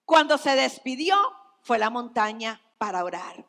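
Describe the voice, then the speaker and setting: A woman pastor delivers a sermon in a high, bright voice, taking her time over each phrase. Her speech swells with emphasis and then sinks to a hush. A long church-hall reverb trails every word. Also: expressive, gravelly. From Costa Rica. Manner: slow, emphatic preaching with dramatic drops to near whispers.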